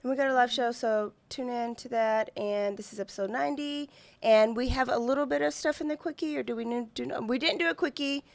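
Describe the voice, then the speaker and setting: A Southern American woman with a fairly high voice banters casually as a podcast co-host. The sound is very dry, with no room around it. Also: brisk, creaky, no echo.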